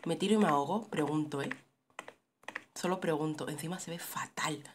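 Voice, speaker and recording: A woman's voice: low voice, moderate pace, noisy background. A young woman from giving sarcastic, jokey running commentary while playing a horror game. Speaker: gaming streamer. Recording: keyboard clicks behind the voice.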